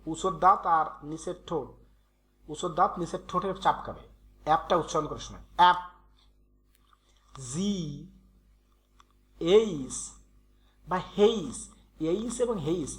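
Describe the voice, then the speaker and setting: Male tutor, high bright voice, patient letter-by-letter drilling. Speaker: English teacher. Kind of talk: Bengali-language grammar tutorial.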